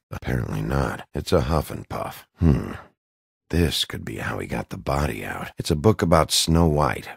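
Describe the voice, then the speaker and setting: An actor playing a gruff, brooding wolf detective in a video game, with a gravelly, husky low voice and a terse, dry delivery. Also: male voice, no room sound, heavily acted. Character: gruff, brooding big bad wolf detective, adult man, dogged. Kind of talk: video game dialogue acting.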